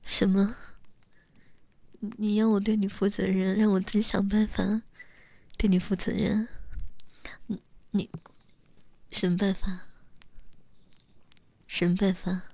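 A young woman acting a teasing, coaxing young woman who calls herself big sister, in an intimate role-play audio spoken close to the mic with soft whispers. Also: mid-range voice, level tone, unhurried, gravelly, long pauses, no room sound.

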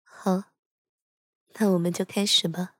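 A woman plays a hotel staff member telling a ghost story to a horror writer in a role-play audio drama with soft storytelling. Her voice sits on the low side with a level tone, gentle and teasing, slowing and hushing for eerie moments. Soft background music plays.

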